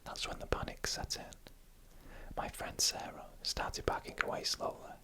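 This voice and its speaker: A scripted story is whispered in breathy ASMR fashion by a narrator who speaks in slow, deliberate phrases with short pauses.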